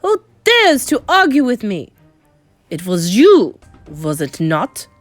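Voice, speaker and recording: A woman's voice: medium pitch, huge pitch swings, dry recording, soft background music. Nasty storybook witch boss, screechy and contemptuous, voice swoops around, drags her words out. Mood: menacing. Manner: screaming, imperious, drawn-out contemptuous words. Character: vile, tyrannical Grand High Witch, raging at her underlings. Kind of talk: storybook character voice.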